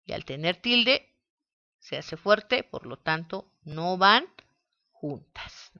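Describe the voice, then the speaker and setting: A woman teaching a grammar lesson, speaking slowly and spelling words out syllable by syllable. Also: on the low side, expressive, sharp tone, no room sound, dull audio. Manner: slow, deliberate, spells out syllables.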